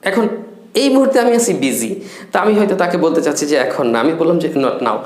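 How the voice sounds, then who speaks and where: A man teaching spoken English phrases in Bengali, saying each English phrase slowly and repeating it with care. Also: fairly high pitch, lively intonation, echoey room, a little hiss or hum.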